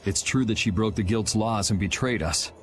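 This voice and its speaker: A man's voice: lowish voice, normal speed, slight background noise, natural voice. Yuri, a cool, wry young man played by an actor. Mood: wry, thoughtful. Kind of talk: English game cutscene voice acting. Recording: music behind the voice.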